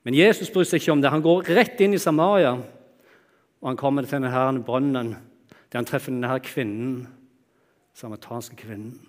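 A man preaching a sermon, moving between raised, emphatic lines and quiet, hushed ones. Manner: expressive, swings from loud exclamations to hushed low tones. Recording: long hall reverb.

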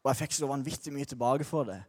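Young man, mid-pitched, candid faith testimony, slangy and halting, long reverb. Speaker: speaker sharing a personal faith testimony. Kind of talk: personal testimony talk.

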